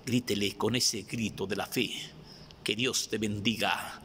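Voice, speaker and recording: Slow, bright-voiced man preaching. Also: fairly low pitch, steady tone, long reverb tail, a little hiss or hum. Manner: impassioned, repetitive calls to cry out to the Lord. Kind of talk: sermon.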